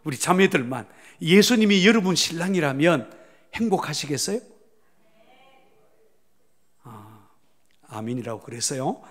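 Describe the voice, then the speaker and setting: A pastor, a man with a fairly high voice, preaches to his congregation. He builds to loud exclamations, then drops to hushed, whispered asides, and keeps pressing the people to answer and say amen. His voice trails off into the long reverb of a church sanctuary. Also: expressive, unhurried, pauses often. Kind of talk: sermon.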